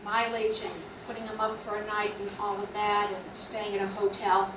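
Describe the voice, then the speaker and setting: Her mid-range voice is completely flat and moderately paced as this woman officer explains upcoming class plans at a guild meeting in a practical way. The club announcements come from a meeting room, recorded with a distant mic amid echo and noise.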